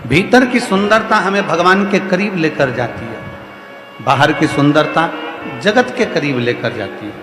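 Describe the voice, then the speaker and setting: A man delivering a devotional sermon in a fairly high voice, hammering each point home with rhythmic repeated phrases. His voice rings through a large, echoing hall with a long reverb tail, and soft music plays faintly underneath. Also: expressive, a little slow. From India. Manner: rhetorical repetition, emphatic refrains. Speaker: kathavachak preacher. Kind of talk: devotional sermon to a live audience.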